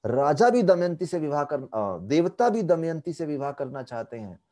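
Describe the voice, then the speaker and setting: Guy telling a devotional story on a video call, lively, slightly high, warm tone. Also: moderate pace. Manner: animated, mixes English phrases in. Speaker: spiritual teacher.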